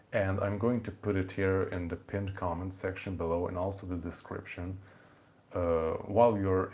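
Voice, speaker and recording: Speaking in a low, slightly mellow voice, a young channel host from Hungary rambles through a casual evening live-stream chat from home. He has a Hungarian accent, and his talk is packed with fillers and restarts.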